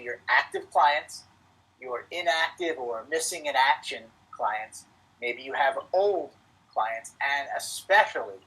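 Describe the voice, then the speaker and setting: Husky man coaching a webinar. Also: on the high side, a bit bright, rough recording. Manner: emphatic, coaching, repeats key points. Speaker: webinar presenter for financial advisors. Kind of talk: live webinar presentation.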